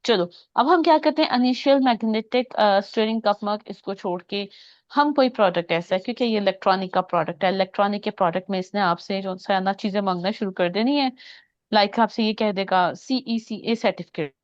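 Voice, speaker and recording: A woman's voice: medium pitch, brisk, no echo. A woman instructor teaching a live online class over a dull, lo-fi call connection that cuts out. She explains step by step and often checks in with her students. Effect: dull lo-fi online call audio that cuts out.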